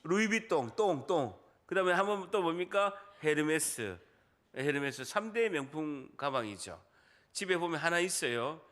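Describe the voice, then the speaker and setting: A middle-aged man from Busan with a Gyeongsang accent preaches with a swinging, lively pitch and a bright, forceful tone. He quizzes his congregation and drops jokes into the sermon, and his voice sits fairly high. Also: normal speed. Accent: Gyeongsang dialect. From Busan, South Korea. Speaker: pastor.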